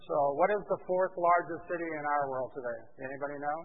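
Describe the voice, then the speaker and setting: A man from Brazil teaching a Bible class in a relaxed, conversational way, full of fillers and questions to the class. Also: on the high side, fairly quick. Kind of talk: informal Bible class lecture. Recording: phone-like lo-fi with faint hiss.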